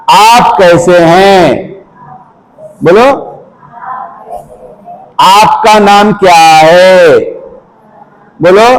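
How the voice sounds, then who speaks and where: Slow-speaking man teaching children. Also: a little high, slight background noise, rough recording. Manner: asks questions and repeats phrases for children. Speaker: Islamic teacher addressing children. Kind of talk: slow, repetitive instructional talk.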